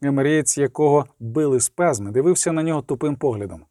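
A man narrating a fantasy audiobook in a dramatic, measured reading style. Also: medium pitch, lively intonation, warm tone, no room sound, studio quality.

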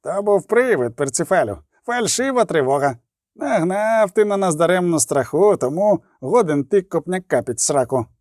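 A man voicing a gruff, boastful male dwarf warrior in an audiobook, grumbling and swearing. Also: sits high, animated, moderate pace, a little mellow, no room sound, studio quality, pitched above the performer's own voice. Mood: blustering. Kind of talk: audiobook character voice.

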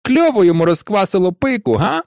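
A man's voice: high voice, sing-song, fast talker, vocal fry, a little mellow, no echo, studio quality, pitched above the performer's own voice, exaggerated voice. A man voicing a spoiled, sneering schoolboy bully in a storybook reading, taunting and mocking.

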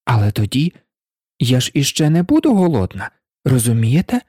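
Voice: mid-range voice, very animated, normal speed, dark tone, husky, no echo, studio quality. A reader voicing a curious, polite young girl. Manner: polite, inquisitive. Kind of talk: storybook reading.

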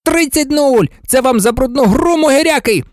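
A man reading an audiobook, voicing an excitable, openly biased teenage boy commentating a match. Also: very high voice, no room sound, studio quality, voice pushed up. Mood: excited. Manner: rapid-fire, shouting, openly biased. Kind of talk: audiobook character voice.

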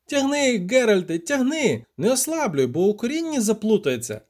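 Dandelion, a man voicing a boastful loud bard. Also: sits high, sing-song, normal speed, pitched above the performer's own voice. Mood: shouting eagerly. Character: boastful excitable male poet bard. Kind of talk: audiobook character voice.

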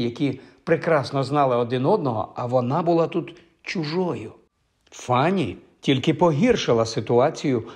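A man narrating a fantasy audiobook in a measured, expressive storytelling manner. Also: medium pitch.

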